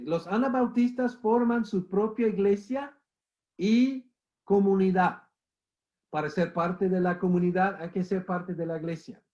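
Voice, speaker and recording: A middle-aged man with a high, slightly mellow voice lectures emphatically on church history despite having the flu, coughing as he goes. He repeats his main points and addresses listeners as brother, captured on a muffled lo-fi recording.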